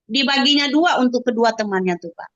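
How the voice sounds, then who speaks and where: Earnest high-voiced mother. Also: animated, brisk, a bit bright, no room sound, muffled recording. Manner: earnest, keeps addressing her listener as sir. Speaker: mother giving a testimonial. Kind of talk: emotional interview testimonial.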